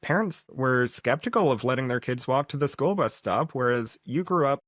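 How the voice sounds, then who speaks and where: A man hosts a podcast in casual conversation, chatting easily and often restarting his sentences. His mid-range voice is expressive and a bit bright at a normal speed, recorded in studio quality with no room sound.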